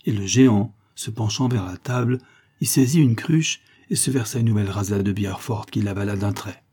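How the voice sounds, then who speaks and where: A man reads a detective story aloud in a measured, steady storytelling manner. His voice is low and husky, with a dark, mellow color. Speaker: narrator. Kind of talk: audiobook reading of a detective story.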